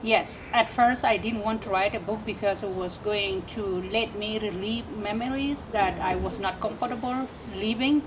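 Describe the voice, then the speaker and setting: A woman in her thirties with a South Sudanese accent gives an earnest personal account as an interview guest. Her medium-pitched voice moves at normal speed with few pauses, and background noise is clearly audible.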